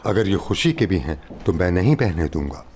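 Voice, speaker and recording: A devoted older suitor. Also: male voice, low-pitched, very animated, normal speed, a little mellow, a little hiss or hum. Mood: tender. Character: older man, eager devoted suitor in love. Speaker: dubbing actor. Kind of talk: Urdu-dubbed TV drama.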